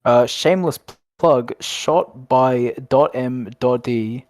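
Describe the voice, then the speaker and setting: A man's voice: mid-range voice, slow pace, darkish tone, no echo. A young Australian man co-hosting a casual late-night podcast, rambling and joking with frequent laughs. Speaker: podcast co-host.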